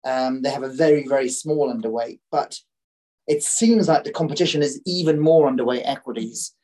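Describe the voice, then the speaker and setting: A man with a croaky, coughy throat giving conversational market commentary as a podcast guest, often doubling back and repeating phrases. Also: medium pitch, fairly quick, darkish tone, low-quality recording.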